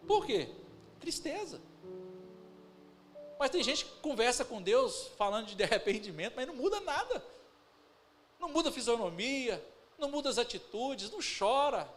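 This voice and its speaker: A pastor with a very high voice and a Brazilian Portuguese accent preaches to his "brothers," weaving calm family anecdotes with loud, rising bursts and slowly stressed words. Instrumental music plays beneath him throughout.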